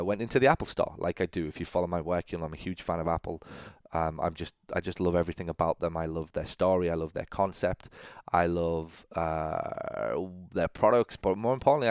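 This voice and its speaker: Brief: young adult male podcast host, very low voice, chatty solo monologue, dry close sound. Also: a little mellow, clear, resonant tone, no room sound. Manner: conversational, checks in with "okay?", frequent fillers and restarts.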